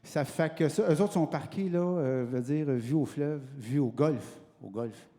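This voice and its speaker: A man with a Quebec French accent doing a rambling comic sales pitch for a garage on stage, full of hesitations. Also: unhurried, warm tone. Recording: long hall reverb.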